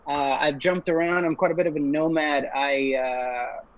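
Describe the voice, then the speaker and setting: A man's voice: fairly high pitch, fairly even intonation, moderate pace. A young man from Ecuador, raised in Puerto Rico, giving a casual webinar talk as a guest engineer. He speaks earnestly and loosely, with frequent fillers and restarts. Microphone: video call. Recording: muffled video-call audio.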